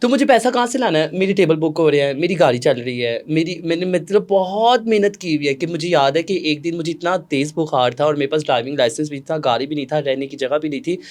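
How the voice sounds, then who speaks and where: Young man, Pakistani Urdu accent, fairly high voice, animated storytelling, loud then hushed, casual interview guest. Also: brisk, hardly any pauses. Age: young adult.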